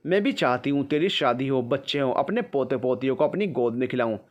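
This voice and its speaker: A man's voice: medium pitch, lively intonation, brisk, close to an everyday voice. A man voicing a middle-aged mother who insists her son marry. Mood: insistent.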